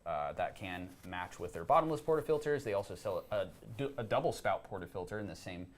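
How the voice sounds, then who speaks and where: A young man co-hosting a coffee gear show, explaining equipment in a relaxed, casual way with frequent ums and uhs. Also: deep voice, brisk. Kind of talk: casual product chat.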